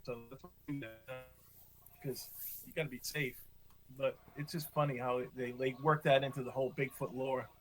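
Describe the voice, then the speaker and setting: A man's voice: mid-range voice, level tone, moderate pace, soft background music. Man on a choppy, crackling remote line. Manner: laid-back storyteller, easily amused. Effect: choppy remote audio that crackles and cuts out. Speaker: podcast co-host. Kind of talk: casual chat.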